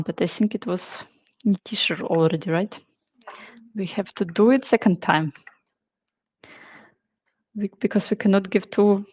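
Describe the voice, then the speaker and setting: A woman from Russia announcing quiz winners, halting and pausing over names. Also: medium pitch, dull audio. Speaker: quiz host.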